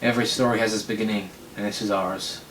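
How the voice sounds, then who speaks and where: A smug hotel receptionist drawls slowly with a slight Irish twang, as a man reads him out. His low voice echoes in a roomy space over a faint rumble. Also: fairly even intonation, far from the mic, natural voice. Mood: sly.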